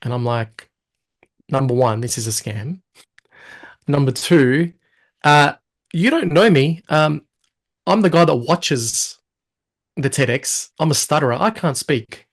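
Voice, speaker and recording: A man with a fairly high voice speaks slowly, leaving long pauses. He's a guest in a casual interview, telling his story as an animated storyteller who acts out his past thoughts and quotes himself in lively asides.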